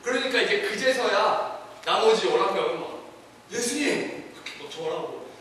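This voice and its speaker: Earnest male preacher, very high and bright voice, heard from a distant mic in a long-reverb church hall. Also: lively intonation, a little fast, slight background noise. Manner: earnest, conversational, often affirms with short "yes". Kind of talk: sermon.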